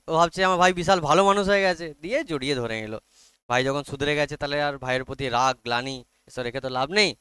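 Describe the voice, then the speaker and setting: A man's voice: a little high, a bit bright, clear, resonant tone, dry recording. A man with a Bengali accent teaching an online class, explaining a story in chatty Bengali laced with English and Hindi, often checking in with his students. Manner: reads English text aloud very slowly.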